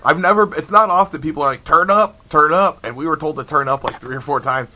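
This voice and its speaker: A podcast co-host and band guitarist, recording remotely from home, talks fast in a fairly high, animated, sharp voice over poor audio with some hiss or hum. He tells band stories in casual chat, laughing often and mimicking the people he quotes.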